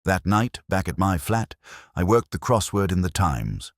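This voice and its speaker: A man playing a brooding, world-weary, erudite police inspector who narrates a detective story in a measured, literary, reflective manner. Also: low voice, sing-song, no room sound, clean studio sound, full character voice. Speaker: narrator in character.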